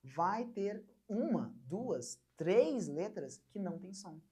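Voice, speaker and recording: A young woman from Brazil teaching an online English lesson, patiently repeating words slowly for learners to copy. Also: mid-range voice, sing-song, warm tone.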